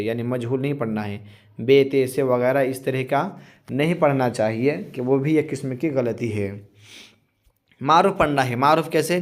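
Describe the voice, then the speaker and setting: A man teaching Quran reading, drawing out each letter sound slowly and clearly, then explaining with speech. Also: medium pitch. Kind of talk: slow recitation lesson.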